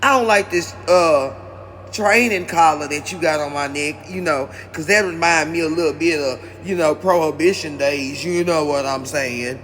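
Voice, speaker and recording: Man playing a grumbling male service dog with a bright, high voice, complaining at length. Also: moderate pace, slight background noise, natural voice. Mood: indignant. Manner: aggrieved, complaining, long-winded. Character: indignant male service dog demanding pay.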